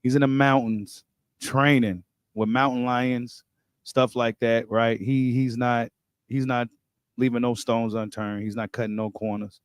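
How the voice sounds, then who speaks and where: An American man hosts a boxing talk livestream, chatting casually and commenting in slangy, informal speech, repeating phrases for emphasis. His mid-range voice moves little in pitch, runs a little slow and smooth, and sounds slightly worn. The recording is dry, with clean studio sound.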